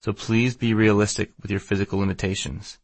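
A man voicing an earnest, cautioning shaman's apprentice with a Maltese accent and halting delivery in an audiobook. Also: fairly low pitch, level tone, no echo. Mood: earnest warning. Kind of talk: audiobook character dialogue.

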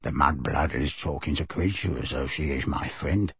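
Kreacher, a croaking old house elf. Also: male voice, dry recording, full character voice. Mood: bitter muttering. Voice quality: hoarse deep croak. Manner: slow grumbling mutter under the breath. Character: old male house elf, resentful and muttering.

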